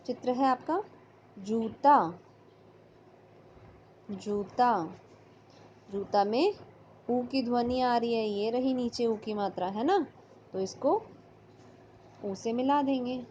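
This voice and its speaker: Slow, patient woman teacher. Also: a little high, warm tone, slight background noise. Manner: slow, patient, sounding out letters. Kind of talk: online class lesson. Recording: slightly dull lo-fi audio.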